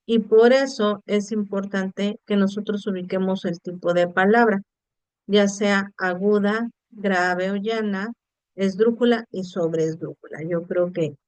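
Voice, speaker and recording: A woman's voice: mid-range voice, darkish tone, smooth, no echo. A woman teaching an online class, explaining step by step and checking in with students. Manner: explanatory, addresses students directly with rhetorical checks. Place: online video session.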